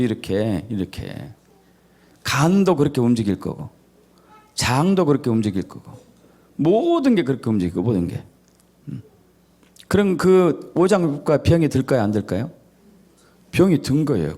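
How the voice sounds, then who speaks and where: Animated Korean pastor with a lively pitch. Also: male voice. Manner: questions the congregation and answers them himself; acts out scolding and gentle parent voices. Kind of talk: sermon.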